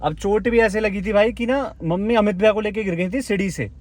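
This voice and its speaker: A man's voice: high-pitched, a little fast, darkish tone, no room sound. A man vlogging in casual chat, talkative and coaxingly consoling his mother.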